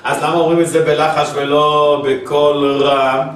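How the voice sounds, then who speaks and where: A man's voice: on the high side, little pitch movement. A man giving a recorded religious lesson. He reads a source aloud, then explains it in plain words with small asides. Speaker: Torah teacher. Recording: echoey room, distant mic, faint hiss.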